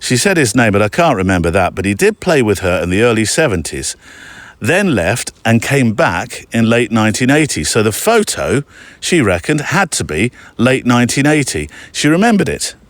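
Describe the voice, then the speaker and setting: A man hosting a podcast, reading a listener's letter aloud in a chatty, digressive way with quick asides. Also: medium pitch, big pitch swings, no room sound. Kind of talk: casual storytelling read-aloud.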